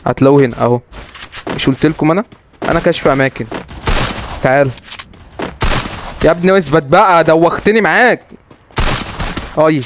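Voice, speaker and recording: A young man with an Egyptian Arabic accent giving excitable, teasing live commentary while he plays, his voice jumping up high when the game gets tense. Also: fairly quick, long pauses, noisy background. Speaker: gaming streamer. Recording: loud game music and gunfire behind.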